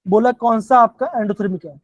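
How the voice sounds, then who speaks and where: Brief: Himachali Hindi-accented male teacher, high voice, repetitive questioning, dull dry online-class audio. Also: fairly even intonation, fairly quick, no echo. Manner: repetitive, keeps calling the students "बच्चों". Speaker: chemistry teacher. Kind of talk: live online class lecture.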